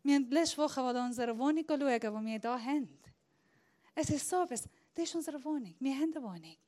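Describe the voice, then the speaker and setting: Eine Predigerin, die nicht als Muttersprachlerin spricht und zwischen lautem Rufen und leisem Flüstern wechselt. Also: female voice, high voice, animated, a little fast. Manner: swings between loud shouting and hushed whispers. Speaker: preacher. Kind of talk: sermon.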